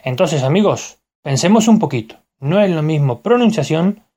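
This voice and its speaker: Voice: medium pitch, animated, normal speed, mellow. A speaker with an Argentine accent, explaining things casually to viewers and calling them friends. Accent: Argentine Spanish. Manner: explanatory, addresses listeners as friends. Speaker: vlogger musing on language. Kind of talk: casual spoken reflection.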